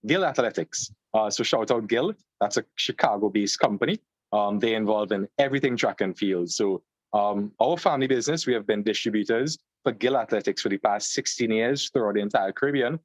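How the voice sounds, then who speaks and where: A young man from Trinidad and Tobago with a Trinidadian accent, a guest on an interview podcast, telling his story in a relaxed way, joining over a video call. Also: on the low side, a little fast, dry recording. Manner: relaxed storyteller, fillers, "long story short". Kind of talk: conversational interview. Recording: slightly dull, dry call audio.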